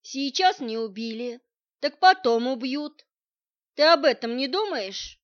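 Brief: woman doing a jittery, blustering ex-soldier man in an audiobook, high, muffled lo-fi sound. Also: a little slow, lightly acted. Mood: agitated. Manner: excitable, blustering, alarmed. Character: agitated ex-soldier neighbor, man.

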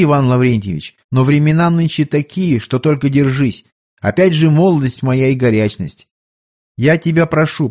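Brief: a man as a young brusque emperor, mellow timbre, audiobook. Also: medium pitch, lightly acted. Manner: brusque, commanding. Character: young hot-tempered male emperor.

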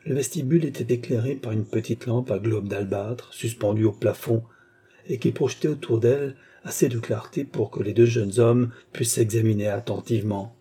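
Brief: male narrator, classic novel, deep mellow tone, breathy edge. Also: fairly even intonation, moderate pace. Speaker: audiobook narrator.

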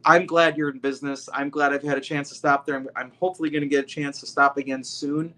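A man's voice: on the high side, flat delivery, fast, sharp tone. A man hosting a podcast, talking casually and at length with his guest, with many restarts. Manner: friendly, talkative, many restarts. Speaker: podcast host. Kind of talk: casual interview talk.

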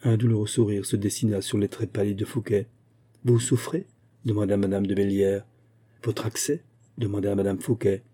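Male audiobook narrator, measured, mellow dark tone. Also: on the low side, monotone, husky. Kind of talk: scripted narration.

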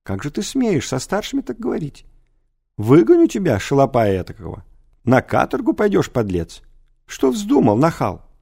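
A man's voice: on the high side, wildly swooping pitch, moderate pace, vocal fry, husky, pitched above the performer's own voice, exaggerated voice. A man voicing a stern male school director berating a pupil, in an audiobook reading. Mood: scolding. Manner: loud, berating. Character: scolding school director, gruff and hammy.

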